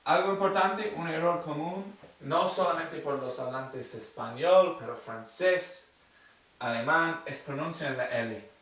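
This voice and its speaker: Slow, bright-voiced man teaching in an echoey room. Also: a little high. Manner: explains slowly, repeating example phrases. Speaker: English teacher. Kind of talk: online language lesson. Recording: roomy echo, mic at a distance.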